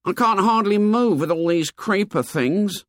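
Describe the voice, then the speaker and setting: A man's voice: high-pitched, measured pace, fairly bright tone, no room sound, clean studio sound, voice pushed up. A man voicing an anxious, talkative young schoolboy with colloquial, ungrammatical speech in an audiobook. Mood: calling, put out. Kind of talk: audiobook character dialogue.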